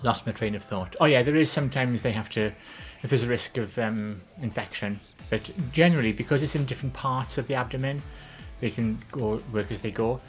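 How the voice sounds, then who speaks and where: Chatting casually on stream, this soft-spoken woman from the Welsh Valleys answers viewers' questions at a brisk clip, barely pausing, over soft background music. Her gentle voice sits lower and sounds less feminine, and she wanders along with frequent ums and restarts.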